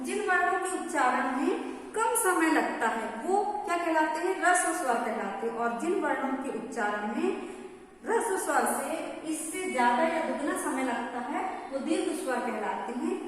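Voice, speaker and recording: A woman teaching a grammar lesson to a class, often stopping to ask whether everyone has understood. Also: high-pitched. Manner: checks understanding with repeated questions. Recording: echoey room, mic far off, faint noise.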